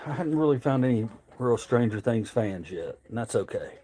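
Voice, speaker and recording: A man's voice: medium pitch, animated, moderate pace, warm tone, slight background noise. A man chatting casually as a livestream host, talking around a dip of tobacco in his lip, rambling and informal with some swearing.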